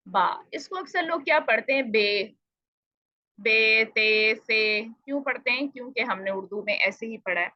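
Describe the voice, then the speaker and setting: A woman teaching Quran recitation online speaks in a medium-pitched voice, patiently walking through tajweed and posing questions that she goes on to answer. The audio is lo-fi and dry.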